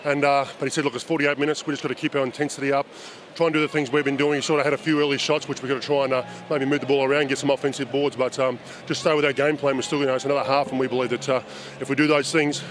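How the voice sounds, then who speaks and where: Rapid-talking Australian man, interviewed courtside. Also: medium pitch, little pitch movement, slight background noise. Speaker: basketball player in half-time interview. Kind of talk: informal sports interview. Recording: music behind, courtside broadcast sound.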